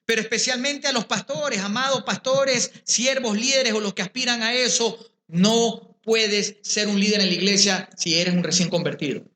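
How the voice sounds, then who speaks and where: A man's voice: high voice, normal speed, hardly any pauses, bright, forceful tone. A man giving a preached lecture to pastors at a symposium, putting rhetorical questions and speaking straight to his listeners. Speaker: conference speaker addressing pastors. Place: symposium venue. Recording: echoey room sound.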